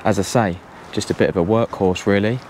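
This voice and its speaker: A man's voice: lowish voice, darkish tone. Young guy, casual car walkaround, chatty and easygoing, action camera outdoors, faint noise. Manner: chatty, easygoing, quick laughs. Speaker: car vlogger. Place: outdoor car auction yard in rain.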